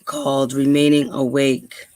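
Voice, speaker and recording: Very deep and warm, this New York woman's dry voice holds a level tone at a measured pace, with no echo. She hosts a podcast of casual commentary and reading aloud, chatting naturally with lots of ums and accelerating to underline points.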